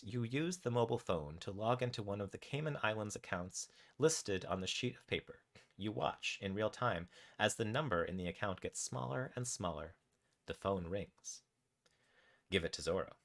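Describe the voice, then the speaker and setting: A man streaming live, reading his interactive fiction story aloud in a laid-back way, with casual asides about the poll results. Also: lowish voice. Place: home streaming setup.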